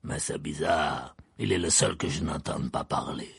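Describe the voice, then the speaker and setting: A man voicing a gruff, menacing old male wizard in an audiobook, speaking in a slow, calm growl. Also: very deep voice, no echo, studio quality, pitched below the performer's own voice, full character voice. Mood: growling menace. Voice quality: growling, gravelly. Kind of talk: audiobook character voice.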